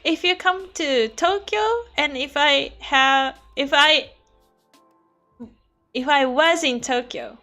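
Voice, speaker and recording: Bright, high-voiced woman streamer, playful. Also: takes it slowly, faint music behind. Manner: animated, playful, expressive reactions. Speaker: VTuber streamer reading chat. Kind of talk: casual livestream chat while studying Spanish.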